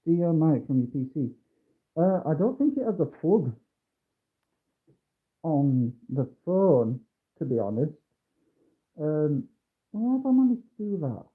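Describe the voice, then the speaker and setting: Recorded on a phone mic with tinny, muffled sound, a man livestreams himself building a kit while he mumbles and hums, his voice muffled as though behind a mask or wall. It's on the high side, with big pitch swings, an unhurried pace and long pauses.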